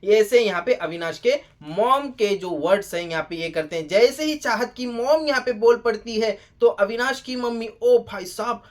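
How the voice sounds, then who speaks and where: A man's voice: sits high, moderate pace, hardly any pauses. A man giving casual review commentary on a TV show, chatty and exclaiming often, with many fillers.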